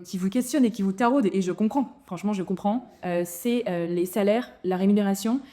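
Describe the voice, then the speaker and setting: This woman's mid-range voice is mellow and a touch quick. In her thirties and a native French speaker, the dentist talks informally to camera about moving abroad, with many fillers and false starts.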